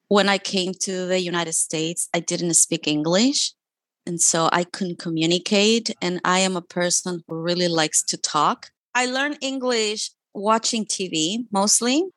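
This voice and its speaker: A Chilean woman with a Chilean Spanish accent, speaking English as a second language, tells her own immigration story in an earnest, heartfelt, conversational monologue. Her voice is mid-range and a bit bright, with no room sound.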